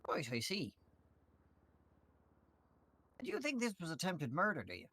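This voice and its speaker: A polite, probing questioner, played by a man, with lively rises and falls in his pitch. He feels his way through his phrasing as he presses an officer in an online game role-play. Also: fast talker, heavily acted. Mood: probing, doubtful.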